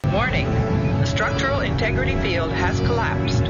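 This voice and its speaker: A woman voicing a malfunctioning starship computer in a clip, giving clipped, flat machine announcements with loud music behind. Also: fairly high pitch, moderate pace, dull audio. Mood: mechanical. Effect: computer voice played back from a clip.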